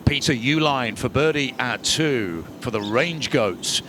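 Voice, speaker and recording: A man doing dramatic, excitable play-by-play as lead golf commentator. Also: medium pitch, a little slow, noisy background. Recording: loud music and crowd behind. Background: music and crowd.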